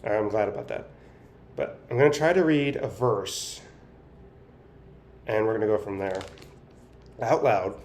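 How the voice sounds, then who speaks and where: A man giving a casual, halting personal update, with effortful, impaired articulation as he talks biting down on a straw held in his teeth. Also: on the low side, darkish tone, slight background noise. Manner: talking through clenched teeth, biting on a straw. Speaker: vlogger sharing speech progress.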